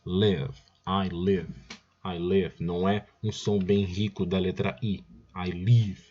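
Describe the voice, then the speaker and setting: Slow husky Brazilian teacher. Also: male voice, low voice, little pitch movement, mellow, muffled recording. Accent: Brazilian Portuguese. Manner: drills phrases by repeating them, often addresses "students". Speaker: English teacher. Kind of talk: recorded language lesson.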